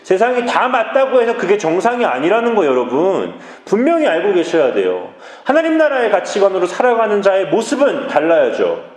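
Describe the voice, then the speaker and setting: A man's voice: sits high, sing-song, a little fast, hardly any pauses. A man in his mid-thirties, a pastor preaching a sermon and asking the congregation questions. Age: mid-30s. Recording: echoey church hall.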